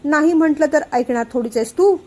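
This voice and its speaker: A woman's voice: high-pitched, fairly quick, darkish tone, lightly acted. A woman voicing a stubborn elderly mother who jokes away her illness, in a family storybook reading. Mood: stubborn, teasing. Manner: teasing, firm.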